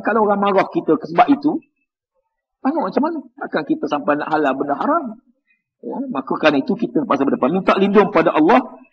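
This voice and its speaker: A man with a Malaysian Malay accent giving an evening mosque lecture, lively and full of rhetorical questions. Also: high voice, husky, highs cut off. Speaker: religious teacher.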